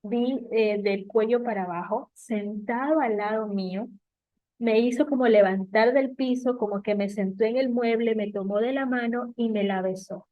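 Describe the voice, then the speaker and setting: A woman sharing a personal faith testimony, emotional and halting, with soft laughs and tearful moments. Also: fairly high pitch, dry recording. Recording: tinny phone-like sound.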